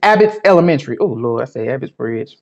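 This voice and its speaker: The host of this casual opinion talk show is a woman with a New York accent whose low voice rumbles, animated and quick, with a darkish tone. Blunt and gossipy, she swears freely, all captured in dull lo-fi sound.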